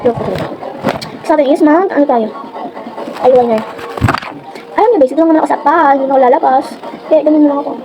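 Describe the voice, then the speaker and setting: Fast-talking high-voiced Filipino woman. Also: background noise. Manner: chatty, rambling, many fillers. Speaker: vlogger. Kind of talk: casual get-ready-with-me chat.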